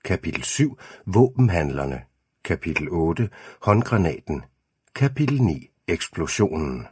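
A man reading an audiobook aloud in steady, measured first-person narration. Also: sits low, slightly rough, no echo, studio quality. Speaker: audiobook reader.

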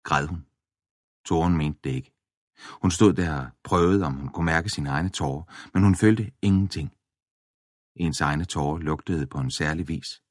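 Deep-voiced male audiobook narrator, dry studio. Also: no room sound. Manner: measured, even reading. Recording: dry close studio recording.

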